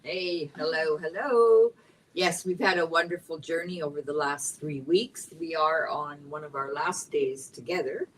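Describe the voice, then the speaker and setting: A woman from Costa Rica chatting as a guest at a roundtable, upbeat and rambling with many pauses. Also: sits low, far from the mic, slight background noise, poor audio. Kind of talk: casual roundtable chat. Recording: voice a bit off-mic.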